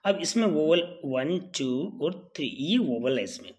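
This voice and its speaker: A man teaching an exam-prep lesson, asking rhetorical questions and answering them in an animated way. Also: a little high, unhurried.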